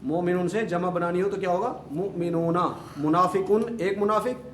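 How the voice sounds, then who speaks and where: A man's voice: sits high, fairly even intonation. Man teaching grammar in an echoey room. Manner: repeats word forms, drills students with questions. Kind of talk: classroom lesson. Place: classroom. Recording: echoey room, mic far off, faint hum.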